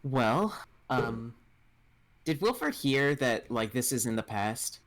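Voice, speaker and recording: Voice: medium pitch, very animated, slow. A tabletop game player speaking casually and hesitantly while role-playing. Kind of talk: casual role-play chat.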